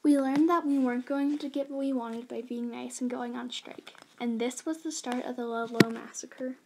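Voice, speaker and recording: A woman's voice: high-pitched, flat delivery, moderate pace, background noise. A woman voicing a young male immigrant miner, in an earnest first-person school history narration read plainly aloud.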